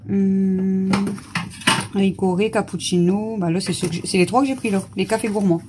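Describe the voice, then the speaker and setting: A woman's voice: mid-range voice, fairly even intonation, normal speed, warm tone, slight background noise. A woman vlogging casually at home, chatting through her shopping and cooing at her pets in a sing-song voice. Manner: chatty, unboxing and listing items aloud. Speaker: family vlogger. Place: at home indoors.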